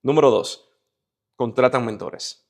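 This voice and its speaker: Vocal fry runs through the mid-range voice of this Dominican man, who speaks at a measured pace as an interview guest. He has a Dominican Spanish accent and a motivational, emphatic style, frequently developing ideas with lists and rhetorical questions.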